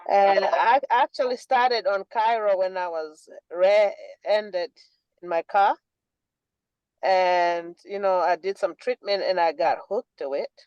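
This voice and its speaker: A woman's voice: mid-range voice, takes it slowly, a little mellow, dry recording. Woman from Zimbabwe, enthusiastic caller, muffled dry video-call audio. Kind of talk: comment in an online meeting.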